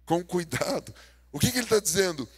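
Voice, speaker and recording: A man with a Brazilian Portuguese accent preaching a humorous sermon, telling stories and acting out dialogue, swinging between loud bursts and quiet asides. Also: high voice, fairly quick, breathy edge. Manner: animated, jokey, acts out dialogue, swings from loud to soft.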